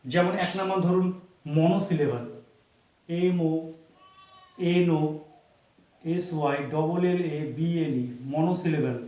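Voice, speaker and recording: A male teacher giving a lesson. He talks slowly, repeats himself and spells words out letter by letter. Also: a little high, warm tone, roomy sound. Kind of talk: explaining English basics in Bengali.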